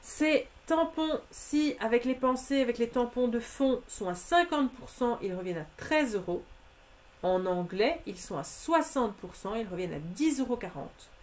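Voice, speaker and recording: High-voiced woman listing sale prices. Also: animated, normal speed, darkish tone. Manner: methodically lists discounts and prices; addresses viewers familiarly. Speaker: crafting product demonstrator. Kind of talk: live product sale presentation.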